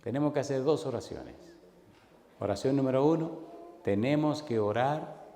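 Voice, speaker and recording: A man's voice: medium pitch, moderate pace, creaky. A man pastor preaching a sermon, animatedly acting out the voices in his stories. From Caribbean Spanish-speaking country. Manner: animated storyteller acting out dialogue. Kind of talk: sermon with storytelling. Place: church hall. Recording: long hall reverb, faint noise.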